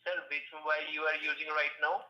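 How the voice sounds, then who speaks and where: A man's voice: fairly high pitch, level tone, fast talker, pushed and bright. A man playing a phone support agent, heard over a phone call, repeating the same scripted questions. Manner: repetitive, scripted, keeps asking the same question. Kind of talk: scripted support-line patter.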